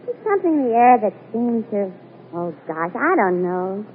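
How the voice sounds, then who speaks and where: Woman, dry wisecracks, 1940s radio comedy, old AM radio sound, lively voice. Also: mid-range voice, normal speed. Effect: old AM radio broadcast sound. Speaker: comedy sidekick. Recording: tinny, hissy 1940s AM radio broadcast.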